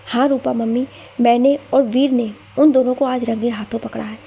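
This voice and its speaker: A woman's voice: a little high, fairly even intonation, normal speed, mellow, husky. A woman voicing a scheming young woman who pleads and accuses in a whiny tone. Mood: pleading.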